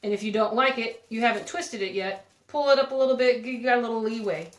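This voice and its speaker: A woman's voice: fairly high pitch, fast talker. Chatty woman crafting live in an echoey room. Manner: chatty, rambling, giggly, talks while working with her hands. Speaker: craft video host. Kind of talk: live-stream crafting demo, chatting with viewers.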